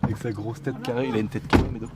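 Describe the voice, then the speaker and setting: A man's voice: mid-range voice, steady tone, rapid-fire. A man joking around with friends in teasing, casual French street slang. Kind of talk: casual banter among friends. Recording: loud car and engine noise.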